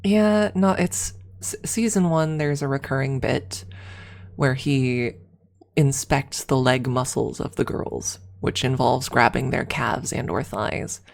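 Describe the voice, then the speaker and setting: A woman streamer on an ASMR livestream answers viewer chat in a rumbling low, slow, creaky voice. She rambles casually and gushes like a fan, speaking in hyperbole.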